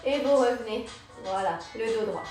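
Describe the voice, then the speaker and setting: A woman's voice: fairly high pitch, expressive, moderate pace, a little mellow. A woman instructor leading a live Pilates and yoga class, cueing breaths and movements step by step. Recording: very echoey room, mic far off, music behind.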